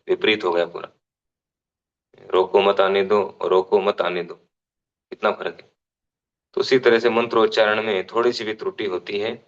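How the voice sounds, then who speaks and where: A man's voice: low voice, vocal fry, lo-fi sound. A man giving a devotional scripture class, explaining unhurriedly, restating phrases and giving everyday examples.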